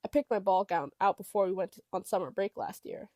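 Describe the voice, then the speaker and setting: A woman's voice: mid-range voice, a little fast, dark tone, dry recording, lightly acted. A blunt, sassy teenage girl from a storybook reading, polite on the surface and cutting underneath, as a woman voices her. She stretches her words for emphasis. The sound is close and dry. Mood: offended.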